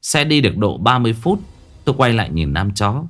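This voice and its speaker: A man narrating a first-person story in a gruff, dramatic way. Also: on the low side, sing-song, fairly quick, soft background music. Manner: gruff and dramatic, acting out his own shouted lines.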